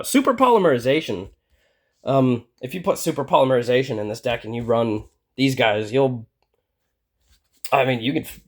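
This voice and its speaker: A man with a middle-range pitch hosts a relaxed deck profile. He rambles along, dropping fillers and short chuckles as he explains each card. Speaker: channel host presenting a card deck. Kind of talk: casual deck profile talk.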